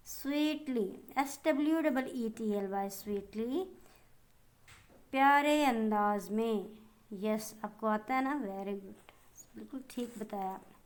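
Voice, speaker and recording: Slow-spelling woman teacher with Pakistani accent. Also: fairly high pitch. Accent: Pakistani Urdu. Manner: slow, spells words letter by letter and translates them; addresses pupils fondly as children. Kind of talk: online class lesson for young children.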